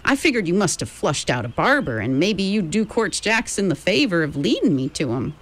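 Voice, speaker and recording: A woman's voice: lowish voice, very animated, fairly quick. A woman reading an audiobook, voicing a talkative, eccentric male gold miner with a drawling frontier dialect. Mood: genial. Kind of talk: audiobook character voice.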